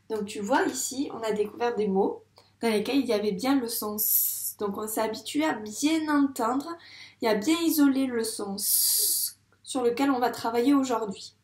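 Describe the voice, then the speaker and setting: A woman teaching a reading lesson to young children in a patient, encouraging way, sounding out words slowly at the board. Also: on the high side, darkish tone, roomy sound. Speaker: primary school teacher. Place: classroom with a board.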